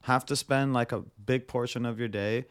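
This young man grew up in Montreal and speaks in a smooth, mid-range voice at a normal speed. He's a podcast guest swapping stories in casual chat, blunt and profane. He gets animated and acts out the quoted dialogue.

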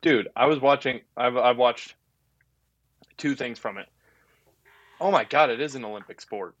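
A man's voice: mid-range voice, normal speed, fairly bright tone, dull audio. A young man co-hosting a podcast in casual chat, teasing and blunt with his friend. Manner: teasing, blunt, laughs easily. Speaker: podcast co-host.

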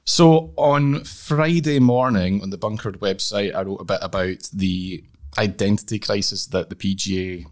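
A man's voice: fairly low pitch, normal speed, few pauses. A man hosting a podcast in a casual, wry chatty way, recorded in an echoey office room. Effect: echoey office room sound. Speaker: podcast host. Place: office room, not the usual studio.

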